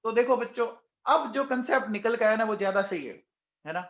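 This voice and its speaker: A man's voice: sits high, brisk, echoey room. A man teaching a chemistry class online, coaxing and quizzing his students again and again and raising his voice to get answers. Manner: raises voice, says he is shouting nonstop. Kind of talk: live online class lecture.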